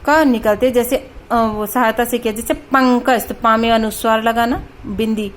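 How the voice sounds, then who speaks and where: A woman's voice: fairly high pitch, fairly even intonation. Patient woman teaching Hindi grammar. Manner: patient, repeats sounds slowly to demonstrate pronunciation; mixes in English words. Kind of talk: explaining at a board.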